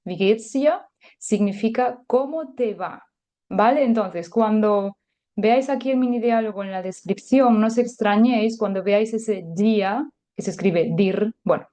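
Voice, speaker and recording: Woman, language teacher, chatty and explanatory, mellow warm tone. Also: on the high side. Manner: chatty and explanatory, many filler words. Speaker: German teacher. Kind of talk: podcast language lesson.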